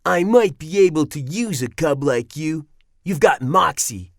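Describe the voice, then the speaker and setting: A woman's voice: sits low, expressive, a little slow, dry recording, clean studio sound, pitched below the performer's own voice, full character voice. A woman voicing a big bullying male bear cub who taunts and mocks in a sing-song way. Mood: mocking.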